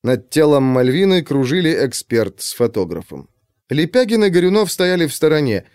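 A man narrating an audiobook in an expressive, measured storytelling manner. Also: fairly high pitch, smooth, no echo, clean studio sound.

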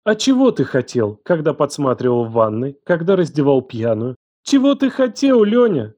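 A man voicing a distraught young woman who raised the man she now accuses, her voice trembling, shouting and hissing. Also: medium pitch, very animated, moderate pace, no room sound. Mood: bitter. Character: distraught furious young woman, betrayed guardian.

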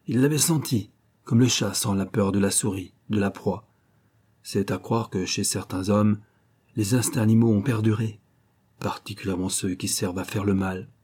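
A man narrates a novel in a steady, measured reading. His voice is low and dark, mellow in tone. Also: husky. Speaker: audiobook narrator. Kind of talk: scripted narration.

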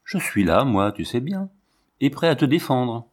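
A man's voice: medium pitch, very animated, unhurried. A man reading as a tender young sweetheart. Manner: gentle, reassuring.

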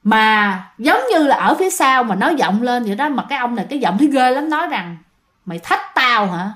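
A woman's voice: fairly high pitch, expressive, fast, fairly bright tone. Chatty woman storyteller. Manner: chatty, addresses listeners directly. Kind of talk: casual ghost story narration.

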